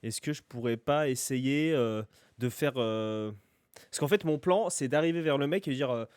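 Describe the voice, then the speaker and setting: A man's voice: mid-range voice, moderate pace, darkish tone, smooth, no echo. A man chatting casually as a tabletop role-play player, jokey and thinking aloud, often repeating words. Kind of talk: casual game chat.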